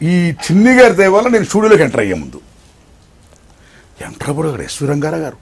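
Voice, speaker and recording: Husky older man telling animated stories. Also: fast talker. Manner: swings between loud excited and low hushed tellings. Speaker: interview guest. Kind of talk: animated storytelling.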